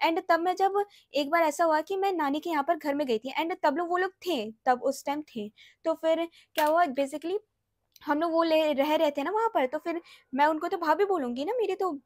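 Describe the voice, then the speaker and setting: High-voiced chatty young woman storyteller. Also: dry recording, clean studio sound. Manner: chatty, drops to a hushed murmur when acting out quotes. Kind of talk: casual storytime vlog.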